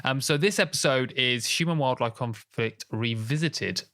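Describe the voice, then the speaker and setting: A man's voice: mid-range voice, moderate pace, pushed and bright. A man from the UK co-hosting a wildlife podcast in a casual, chatty way, laughing often. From United Kingdom. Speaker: podcast co-host.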